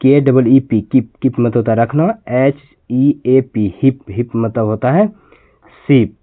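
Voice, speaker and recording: A man's voice: mid-range voice, steady tone, measured pace. A man giving a spoken lesson, spelling words out letter by letter and then repeating and explaining each one. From India. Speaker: teacher. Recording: tinny phone-quality audio.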